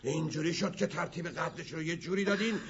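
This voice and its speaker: A man's voice: a little high, creaky, lo-fi sound, a little hiss or hum. An actor dubbing a desperate, vengeful gangster who holds a gun on his enemy. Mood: accusing. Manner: menacing, shouting, then pleading and bitter. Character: desperate vengeful gangster holding a gun, middle-aged man. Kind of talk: Persian film dub.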